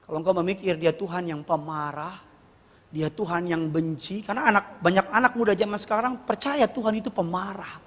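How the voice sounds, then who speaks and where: High-voiced preacher in an echoing hall. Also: male voice, brisk. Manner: animated preaching, rising to high emphatic peaks. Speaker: pastor. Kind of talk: sermon. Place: church hall. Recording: echoey church hall with long reverb.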